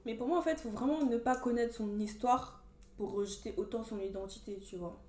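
Woman, casual chat, brief calm replies, faint background hiss. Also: a little high, fairly quick. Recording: echoey room.

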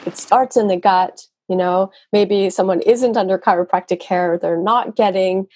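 A woman nutrition consultant, a native English speaker, is a guest on a podcast interview over a video call, talking conversationally with fillers and restarts. Her mid-range voice is a little mellow, at normal speed, with no echo.

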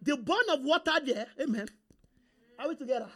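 In a fairly high, bright, and forceful voice, a Nigerian-accented preacher whose first language is Yoruba delivers an expressive, brisk sermon. He uses call-and-response, throwing rhetorical questions at the congregation and pushing them to answer and show they follow.

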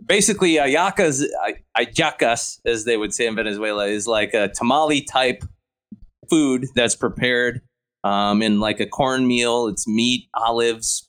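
A middle-aged man co-hosting a casual podcast. He tells stories with lots of energy and acts out the voices of the people in them. His voice sits at a middle pitch. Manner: animated storyteller, acts out quoted voices. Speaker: podcast co-host. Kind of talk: casual storytelling chat.

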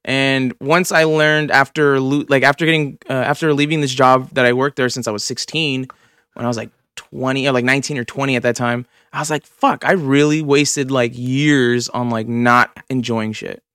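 A man's voice: mid-range voice, fairly even intonation, normal speed, fairly bright tone, smooth, no room sound, studio quality. A man in his twenties hosting a podcast, talking in a rambling, profane, filler-heavy way. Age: 20s. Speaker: podcast host. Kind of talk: casual chat.

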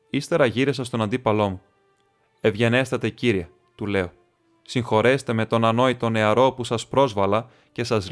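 A man reading a classic novel aloud as an audiobook, in measured storytelling that lifts slightly for quoted speech. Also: mid-range voice. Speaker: audiobook reader.

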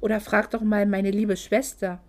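A woman's voice: mid-range voice, flat delivery, moderate pace, darkish tone, lightly acted. A woman voicing a greedy, fake-sweet moneylender man who talks in a mock-polite, condescending way, in a storybook reading. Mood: scornful.

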